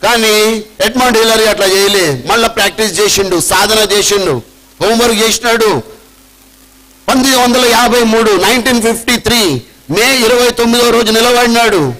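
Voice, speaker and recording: Animated high-voiced Telangana man. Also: low-quality recording. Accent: Telangana Telugu. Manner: animated, mixes Telugu with slow emphatic English phrases. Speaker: motivational trainer. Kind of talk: motivational talk to students. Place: training hall with an audience.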